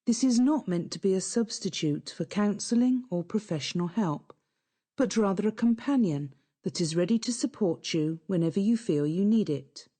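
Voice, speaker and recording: A woman narrating a scripted guided hypnosis session in a calm, soothing, instructive way. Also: mid-range voice, moderate pace, breathy edge.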